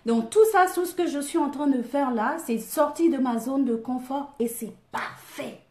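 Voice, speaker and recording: A woman's voice: sits high, normal speed, darkish tone, reverberant. A woman with an African French accent hosts a casual live video as a coach, chatting to viewers by name, laughing and poking fun at herself. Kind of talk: casual live stream chat.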